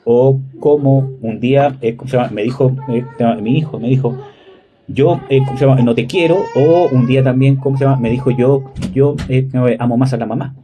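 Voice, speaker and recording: A man in his thirties preaching a sermon in a conversational way, often checking with listeners and pausing on fillers. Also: mid-range voice, steady tone, music in the background. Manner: conversational, frequent "¿cierto?" and "¿me entiende?" checks; hesitant fillers, "¿cómo se llama?". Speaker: pastor.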